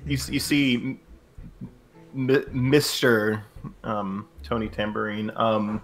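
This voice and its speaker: A man's voice: lowish voice, fairly even intonation, takes it slowly, faint music behind. A man playing a dignified snake-folk merchant in his own voice, with stiff, formal phrasing and stammered restarts.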